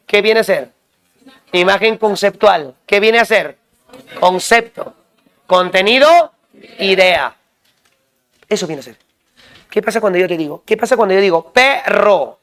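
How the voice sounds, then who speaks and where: High-voiced man drilling a class. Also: fairly bright tone. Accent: Peruvian Spanish. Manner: quizzing, repetitive call-and-response. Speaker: teacher. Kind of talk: drilling lecture to students.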